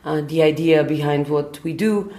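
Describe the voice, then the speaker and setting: A woman in her thirties from Bulgaria, giving a founder's answers in an interview. Her voice sits very low for a woman. She talks thoughtfully and fills her pauses with ums and uhs. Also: dark tone. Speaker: startup founder, guest.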